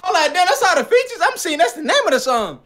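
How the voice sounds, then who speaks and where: Over a video call from an indoor room, a young guest reacts to amateur rap, talking quickly in a very high-pitched voice. He's animated, slangy and profane in the rowdy chat, with a loud crowd audible.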